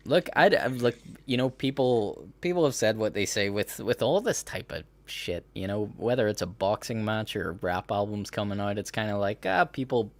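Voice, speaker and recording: A man's voice: on the low side, animated, normal speed, few pauses, no echo. A man hosting a podcast in casual chat, rambling and laughing as he breaks into mocking impressions. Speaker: podcast host.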